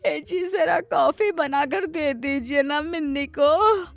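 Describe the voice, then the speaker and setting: A doting, long-suffering cartoon mother, voiced by a woman with a high voice. She pleads softly and plaintively. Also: slow, vocal fry, no echo, soft background music, heavily acted. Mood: pleading. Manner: pleading, soft-hearted, plaintive. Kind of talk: Hindi cartoon voice acting.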